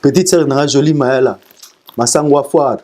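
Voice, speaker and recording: Dark-toned and mid-range, this male voice belongs to a singer appearing as an interview guest. He talks in a relaxed way and sends greetings, but halts often, stumbling over repeated syllables and starting again.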